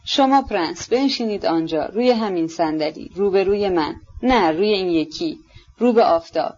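A woman voicing a haughty, irritable older noblewoman who fires sharp, impatient questions, on a dull lo-fi recording. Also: medium pitch, expressive, lightly acted. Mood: imperious.

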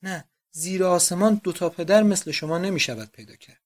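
A man's voice: high-pitched, pitched above the performer's own voice, lightly acted. A man voicing an affectionate young woman, a daughter, who speaks in a gushing, tender way.

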